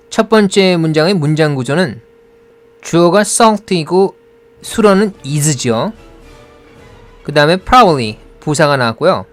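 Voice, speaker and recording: A man teaching English pronunciation in Korean with a Korean accent, explaining patiently and modeling words. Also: fairly high pitch.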